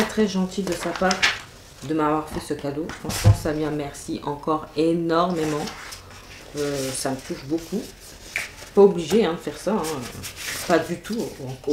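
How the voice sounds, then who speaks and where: A woman, chatting enthusiastically through a makeup and clothes haul, full of fillers and asides. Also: low-pitched. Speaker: beauty vlogger. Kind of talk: casual haul video chat. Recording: echoey room, faint noise.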